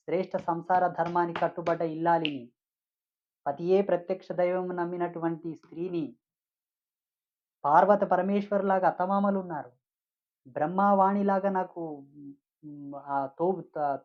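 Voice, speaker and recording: A man's voice: sits high, lightly acted. A man voicing a proud, devout housewife who scolds a wandering ascetic in an indignant, lecturing way, in a slightly dull lo-fi recording.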